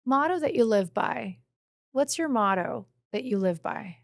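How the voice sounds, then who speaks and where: An enthusiastic woman hosts a podcast, chatting casually and exclaiming often. Her voice sits a little high and has a gravelly fry. The recording is close and dry. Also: lively intonation, unhurried, no room sound. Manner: effusive, exclamatory. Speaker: podcast host. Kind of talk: casual interview chat.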